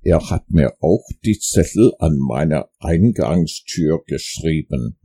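A pedantic owl from a storybook who lectures in long words, slow and self-important. A man puts her on with a dark, gravelly, husky tone. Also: very deep voice, lively intonation, full character voice. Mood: lecturing. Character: pompous, long-winded female owl, pedantic.

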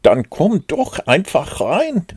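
A cautious, fussy rabbit from a storybook, put on by a man reading aloud. His voice is pushed high above the reader's own and leaps about as he speaks. He sounds prim and polite, in a dry, close recording. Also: huge pitch swings, takes it slowly, a little mellow, slightly rough, no room sound, full character voice.

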